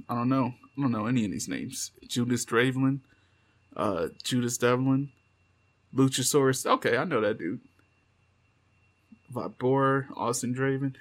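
A man chatting casually on a podcast, with a gravelly, fry-tinged voice that is husky and rough at the edges. He talks loosely and profanely. He reads quotes aloud at an easy conversational pitch. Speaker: podcast co-host. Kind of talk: casual chat.

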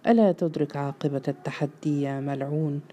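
امرأة تؤدي دور أب عجوز صارم ومتسلط يأمر بنبرة مهددة في قصة مسموعة. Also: female voice, sits low, fairly even intonation, a little fast, warm tone, slight background noise, lightly acted. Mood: commanding. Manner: commanding, menacing. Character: stern, domineering old patriarch man.

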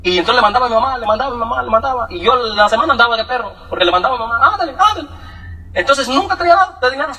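Man, personal testimony, animated, acts out voices, quick talker, high voice. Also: far from the mic, poor audio. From Michoacán, Mexico. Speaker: testimony speaker.

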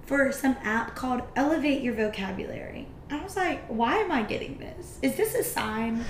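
A young woman in her twenties co-hosting a podcast, chatting in an animated way from a couch. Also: high-pitched, moderate pace, echoey room, slight background noise. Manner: animated, gasping and laughing. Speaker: podcast co-host. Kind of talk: casual chat. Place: apartment couch.

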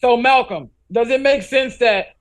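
A man's voice: very high voice, a little slow. An American man in a heated, casual sports debate, insistently restating his point with plenty of slang. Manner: insistent, repetitive, slangy, argumentative.

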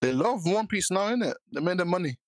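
A man's voice: high-pitched, animated, quick pace, no room sound. A man co-hosting a podcast in casual, slangy chat. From Britain. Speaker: podcast co-host.

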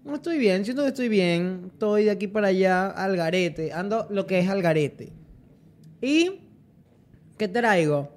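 A man's voice: high voice, expressive, darkish tone. A man co-hosting a casual talk show, joking and listing things playfully. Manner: playful, joking, drawn-out lists. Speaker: co-host. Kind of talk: casual chat.

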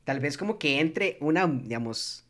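A man's voice: fairly high pitch, lively intonation, moderate pace, over a noisy crowd. A young man with a Costa Rican accent chatting casually with friends, slangy and loose, dropping English swear words into his talk. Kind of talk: casual group chat.

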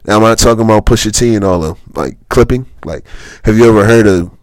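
A man co-hosting a podcast, telling stories in a relaxed, rambling way with lots of fillers. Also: lowish voice, fast, no room sound. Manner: laid-back, rambling storytelling with lots of fillers. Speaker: podcast co-host. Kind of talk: casual chat.

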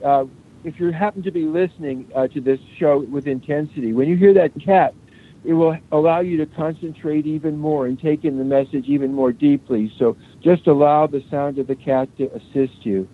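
A man co-hosting a radio show by phone, sounding distant and muffled as if down a well, speaking in a wry, halting way. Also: a little high, fairly even intonation. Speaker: co-host. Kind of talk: casual radio chat. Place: back room, away from the studio.

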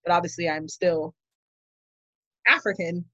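A woman's voice: lowish voice, measured pace, bright, forceful tone, no echo, highs cut off. A young woman with a Maryland accent, co-hosting a podcast in casual chat, playful and teasing with lots of slang. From Maryland, USA. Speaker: podcast co-host.

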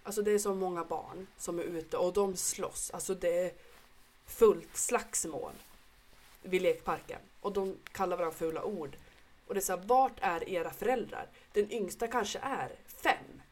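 A woman and mother, co-hosting a casual podcast chat, telling stories in a lively way and swearing now and then. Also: fairly low pitch. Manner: lively storyteller who swears. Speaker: podcast co-host; mother of a young son.

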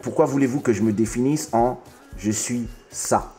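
A man's voice: mid-range voice, normal speed, dark tone. A man born in the Congo hosting a casual music interview, talking with many restarts and repeated words. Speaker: host.

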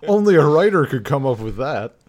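A man's voice: on the high side, very animated, brisk, a little mellow. A man co-hosting a casual chat about films, laid-back and grumbling, sometimes dropping to a mutter. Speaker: podcast co-host.

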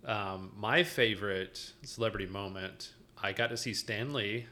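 Speaking a little slowly in a lower, sharp-toned voice, this man co-hosts a podcast. His casual, eager chatter wanders, and he keeps restarting his sentences.

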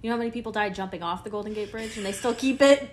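Woman in her 20s cracking jokes on a podcast, faint rumble under it. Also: rapid-fire. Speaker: podcast co-host. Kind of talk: casual chat.

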